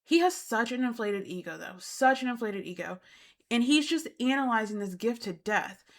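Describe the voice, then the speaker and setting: Emphatic woman host, slightly high voice. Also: animated, normal speed. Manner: indignant, emphatic, repeats for emphasis. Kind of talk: reality TV recap commentary.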